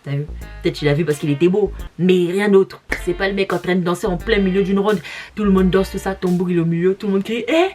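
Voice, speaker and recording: A woman's voice: lowish voice, fairly even intonation, quick pace, a little mellow, faint music behind. A young woman from Congo, whose first language is Lari, reacting bluntly to comments in a slangy, mocking casual vlog.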